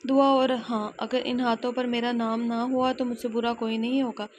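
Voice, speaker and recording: A bossy, hot-tempered rich young hero in an audio romance novel, read by a woman. He teases and gives orders in a fairly high, flat voice. A faint hiss runs behind him. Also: normal speed, natural voice. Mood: teasing. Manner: teasing and bossy.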